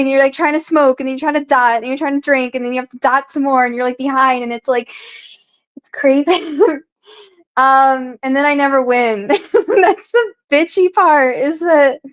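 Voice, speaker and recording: Rambling, profane woman streamer, higher voice. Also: moderate pace. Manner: rambling, profane, filler-heavy; chatty, reads and answers viewer comments. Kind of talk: casual live-stream chat.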